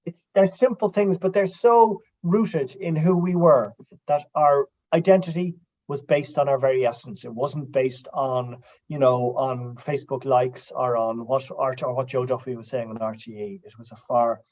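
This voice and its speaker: An Irish man, a writer and guest in an interview, telling lively stories and dropping in Irish-language phrases. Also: medium pitch, moderate pace, highs cut off. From Ireland. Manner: animated storytelling, quotes Irish phrases. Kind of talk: casual interview talk.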